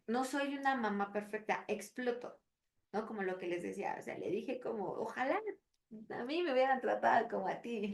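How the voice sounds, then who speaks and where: A woman with a Mexican Spanish accent, co-hosting a parenting podcast as a psychologist, telling stories in an animated way with acted quotes. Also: a little high, recorded from a distance. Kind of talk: casual podcast chat.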